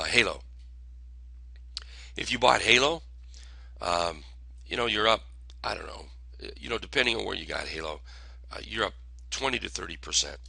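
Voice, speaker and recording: A hoarse man hosting a casual stock-trading commentary, talking haltingly with many fillers. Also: low-pitched, sharp tone, no echo. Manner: halting, filler-heavy delivery. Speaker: host.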